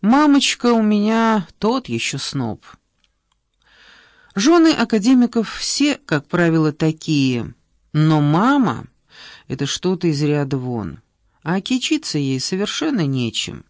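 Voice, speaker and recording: A woman reading an audiobook, voicing a sharp-tongued, irritable middle-aged Englishwoman who speaks wryly and with exasperation. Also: on the low side, sing-song, measured pace, no room sound, clean studio sound. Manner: wry, exasperated.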